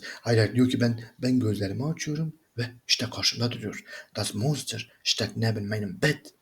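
Man reading German slowly, translating briskly. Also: medium pitch. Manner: reads German slowly, then translates in quick conversational asides. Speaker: German teacher. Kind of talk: reading a German reader aloud and translating line by line.

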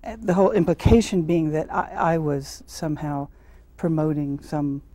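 Brief: middle-aged woman, low mellow voice, panel guest, thoughtful and halting. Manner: thoughtful, hesitant with many fillers. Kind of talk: recounting experiences in a panel discussion. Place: TV studio with audience.

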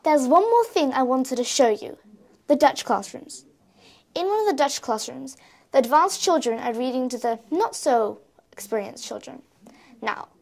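A woman's voice: sits high, a little mellow. A ten-year-old girl acting as a student guide, chatting her way through a school tour. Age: teens. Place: school hallways and classrooms.

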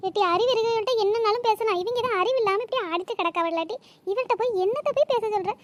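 A woman's voice: extremely high pitch, rapid-fire, muffled recording. A woman voicing a bossy but caring village neighbor in a cartoon, lecturing. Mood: scolding. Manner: scolding, lecturing. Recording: noisy cartoon voice track.

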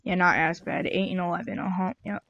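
A woman's voice: on the low side, fairly even intonation, a little fast, vocal fry, a bit bright. Chatty woman narrating her gameplay, lo-fi mic. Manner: chatty, exasperated running commentary. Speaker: gamer. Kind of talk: gameplay commentary. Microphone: own desk mic. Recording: dull lo-fi home mic.

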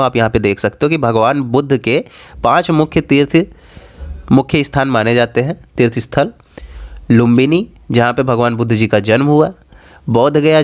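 A man teaching an exam-prep lesson in a casual way, repeating key points and asking the viewer quiz questions. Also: medium pitch.

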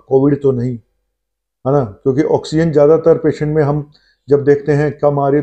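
A middle-aged man, a doctor, talking to the camera from his clinic about a case on a lapel mic, measured and thinking aloud with "uh" pauses. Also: fairly high pitch, mellow, lo-fi sound. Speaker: doctor hosting his own health channel. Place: indoor clinic room. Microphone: lapel mic, seated facing the camera.

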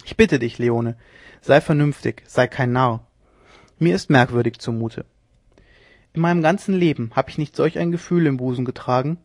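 A man's voice: medium pitch, normal speed, no room sound, clean studio sound, close to an everyday voice. A man reading an audiobook, voicing a troubled sea captain who speaks in an earnest, pleading, uneasy way.

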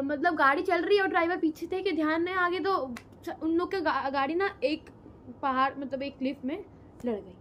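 Lively teen girl telling a spooky tale. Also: very high voice, heavy background noise. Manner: animated, fast, mixes Hindi with English. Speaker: co-host storyteller. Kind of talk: casual horror storytelling. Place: indoor room, on a sofa.

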